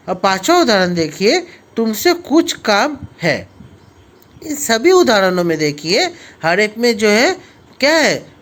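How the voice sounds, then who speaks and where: A man teaching a school grammar lesson to children, patient and repetitive, reading examples out slowly with frequent filler phrases. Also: high voice, a bit bright.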